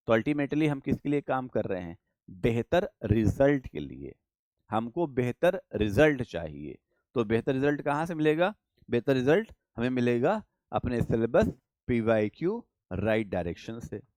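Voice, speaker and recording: A man's voice: medium pitch, sing-song, measured pace, a little mellow, no room sound, studio quality. A man teaching exam strategy, talking emphatically and asking himself questions that he then answers. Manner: repetitive, emphatic, asks and answers own questions. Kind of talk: Hindi lecture, exam coaching.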